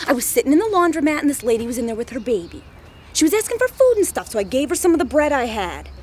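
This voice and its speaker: Sulky streetwise teen girl, high swingy voice, argues back, audio drama, bit of background noise. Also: very animated, quick pace, darkish tone. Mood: defensive, pleading. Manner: slangy, argumentative. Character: defiant, streetwise, sulky teenage runaway girl.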